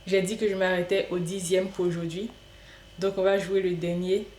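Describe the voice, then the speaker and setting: A woman's voice: on the low side, flat delivery, normal speed, darkish tone, slight background noise. A woman giving casual gameplay commentary, chatty and playful, talking to the game's customers as if serving them herself. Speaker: gaming video creator. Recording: echoey room.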